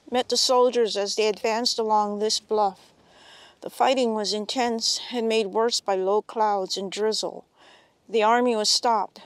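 A woman from Hawaii calmly reads a scripted historical narration. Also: medium pitch, no echo. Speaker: narrator and co-host.

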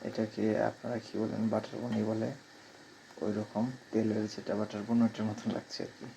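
A man with a Sylheti Bengali accent talks through a home cooking vlog in a hushed, low-key voice. His voice is cracking from a cold, and his pitch stays flat and even. A faint hiss sits behind him. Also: moderate pace, gravelly. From Bangladesh. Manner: speaks softly, hushed at night. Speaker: cooking vlogger. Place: home kitchen abroad.

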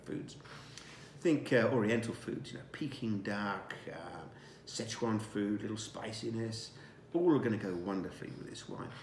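Here a winemaker in his sixties presents a tasting at an indoor dining table, filmed by a camera opposite him. He's relaxed and savors the wine, with many fillers and restarts. His voice is on the low side and creaky; the sound is roomy with a little hiss or hum.

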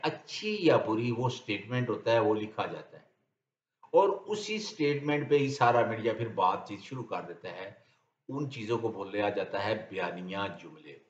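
A man with a Pakistani Urdu accent teaching English grammar in a lecture, reading his example sentences very slowly and deliberately. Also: mid-range voice. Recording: dull, roomy lecture recording.

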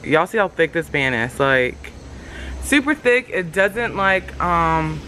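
A woman's voice: low voice, slow, bright, forceful tone, slight background noise, rough recording. A young woman in a casual product-review vlog, talking to her viewers in a chatty, slangy way. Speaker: vlogger reviewing a fitness product.

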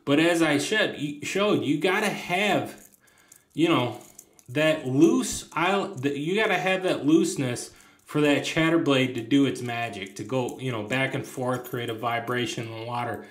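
A man's voice: mid-range voice, unhurried, a bit bright. A man casually showing fishing lures at a table, rambling with lots of ums and restarts. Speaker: fishing channel host. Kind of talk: casual tabletop lure demo. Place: indoors at a tabletop, hands on camera. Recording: echoey room.

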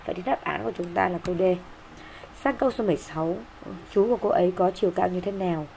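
A woman teacher walking through exam answers in a brisk, explanatory way, with many fillers and an occasional cough. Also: lowish voice, creaky, darkish tone, slight background noise. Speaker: English teacher.

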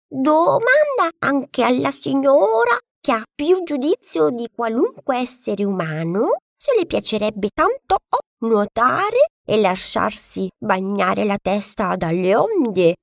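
A woman's voice: fairly high pitch, very animated, slow, creaky, hardly any pauses, no echo, studio quality, voice pushed up, exaggerated voice. A woman voicing a bossy, know-it-all hen who breaks into clucks as she talks. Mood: bossy clucking. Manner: stutters into clucks.

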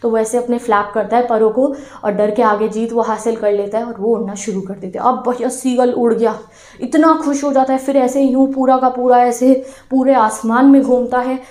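A woman teacher retelling a story to her students in a lively way, asking them questions as she goes. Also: a little high, moderate pace, roomy sound. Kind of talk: storytelling lesson explanation.

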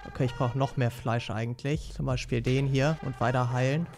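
Excited gamer with slang. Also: male voice, medium pitch, a little fast, over music. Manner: excited, slangy, swears often. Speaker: gaming YouTuber. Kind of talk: live gameplay commentary. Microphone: studio mic.

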